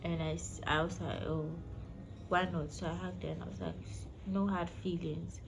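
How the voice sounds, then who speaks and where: A woman's voice: deep voice, steady tone, a little fast. Chatty woman storytelling over music. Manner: chatty, addresses listeners directly, emphatic. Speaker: vlog host. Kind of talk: casual storytelling to camera. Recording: background music behind the voice.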